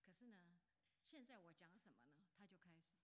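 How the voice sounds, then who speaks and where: A woman's voice: lowish voice, a little fast, a little hiss or hum. A woman in her fifties, a pastor giving a chatty sermon that often asks the congregation questions. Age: 50s. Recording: long hall reverb.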